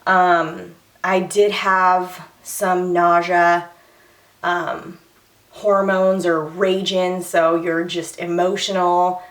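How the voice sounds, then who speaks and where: A woman's voice: fairly low pitch, level tone, drawn-out words, fairly bright tone. A young woman, chatting candidly in a personal vlog and a little short of breath. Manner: candid and chatty, with many fillers and restarts. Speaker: vlogger. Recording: echoey room, voice a bit far from the mic.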